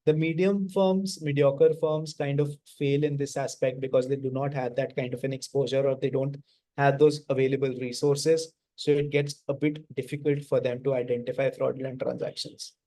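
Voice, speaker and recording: Mellow North Indian man, lecturing informally. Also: mid-range voice, flat delivery, moderate pace. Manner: informal, Hindi interjections mixed into English. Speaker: lecturer teaching auditing. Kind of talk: conversational classroom lecture.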